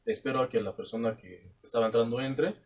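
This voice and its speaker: A young man with a Mexican accent telling a long, animated anecdote in casual chat, swearing freely and acting out both sides of the dialogue. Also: medium pitch, a little fast, distant mic. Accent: Mexican Spanish. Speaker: podcast co-host. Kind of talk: casual storytelling.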